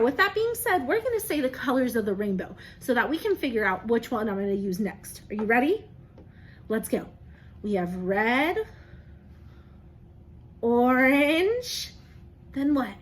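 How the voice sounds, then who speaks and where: A woman with a high, fairly bright voice teaches young children step by step while talking to camera, asking questions and praising them as if they answer. She speaks a little slowly, with big pitch swings and long pauses, explaining things simply and encouragingly.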